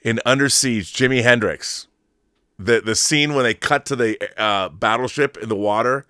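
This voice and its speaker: Speaking at a moderate pace, a middle-aged man with a medium-pitched voice and a bright, forceful tone runs a film fandom livestream; the sound is clean studio audio with no echo. He comments casually and enthusiastically, reads out viewer messages and replies, and voices firm fan opinions, rambling and repeating words mid-thought.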